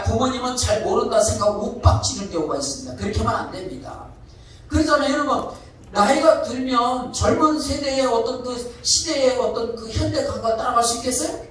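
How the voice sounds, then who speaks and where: A man's voice: very high voice, fairly bright tone, slight background noise. A male pastor preaching a sermon, emphatic and often asking the congregation questions. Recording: echoey hall from far off.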